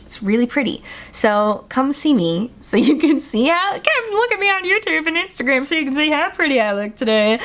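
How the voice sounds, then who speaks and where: A woman's voice: on the high side, fairly bright tone. Chatty young woman podcast host. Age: young adult. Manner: chatty and playful, many fillers. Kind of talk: solo podcast monologue.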